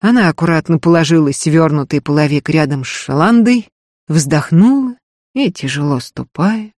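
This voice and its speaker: A man's voice: a little high, a little mellow, no echo. Man narrating an audiobook, dry sound. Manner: measured storytelling.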